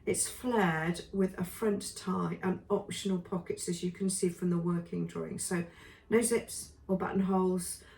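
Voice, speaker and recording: Woman vlogger talking through sewing patterns, low and a bit hoarse, heard from across an echoey room. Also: steady tone, unhurried, darkish tone, recorded from a distance. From England. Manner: chatty, many ums and trailing lists. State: losing her voice. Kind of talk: casual spoken review.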